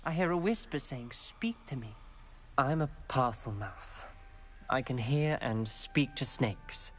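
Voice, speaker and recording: A man's voice: mid-range voice, lively intonation, a little slow, fairly bright tone. An actor playing an earnest, cautious young male wizard student who can speak to snakes, in video game dialogue over game music.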